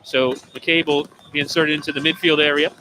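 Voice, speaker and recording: A man calling a live soccer match play by play, describing the action in quick, steady commentary. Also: a little high, a little hiss or hum, poor audio. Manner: rapid descriptive calls, laughs easily.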